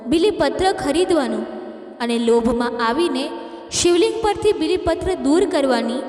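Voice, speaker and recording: A woman narrating a devotional story in a steady, earnest way. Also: high voice, normal speed, faint music behind. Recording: echoey long hall reverb.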